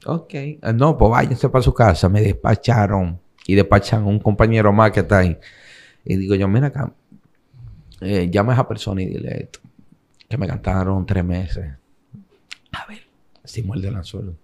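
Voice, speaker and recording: A man's voice: lowish voice, moderate pace, long pauses. A young man with a Dominican accent from the Cibao region, telling his story as an interview guest and acting out what others said. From Dominican Republic. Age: young adult. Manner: animated retelling, acting out the voices of others in quotes.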